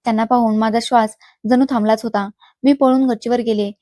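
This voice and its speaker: Woman narrator for spoken story, fairly high but flat, mellow, dry close sound. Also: a little fast, no echo. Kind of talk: first-person story narration.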